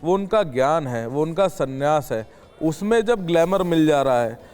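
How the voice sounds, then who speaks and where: Calm man with a raised pitch. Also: normal speed, clean tone, in a large hall. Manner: calm, reflective. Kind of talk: measured debate opinion.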